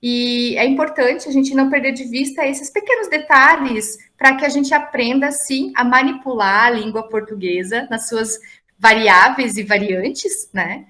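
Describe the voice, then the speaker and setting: A woman's voice: on the high side, measured pace, sharp tone. A woman teacher explaining a lesson over a video call, chatty and full of tag questions and fillers. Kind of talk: online class explanation.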